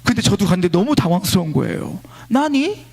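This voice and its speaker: A male pastor preaching at a church service, leading a line-by-line scripture reading and swinging between loud exclamations and quiet storytelling. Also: high-pitched, lively intonation, moderate pace. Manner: exclaims praise lines loudly, then drops to quiet storytelling. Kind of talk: sermon.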